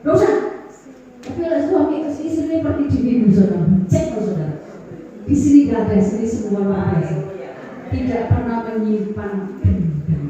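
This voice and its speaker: High-voiced woman pastor preaching in an echoey hall. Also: expressive, moderate pace, dark tone, distant mic. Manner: preaching with call-and-response, singsong rises and sudden drops. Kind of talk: sermon. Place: large church hall.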